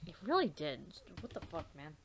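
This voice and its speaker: A woman's voice: low voice, big pitch swings, fairly quick, background noise. A woman casually chatting while playing a visual novel, blunt and swearing often. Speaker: let's play co-host. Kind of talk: casual gameplay chat.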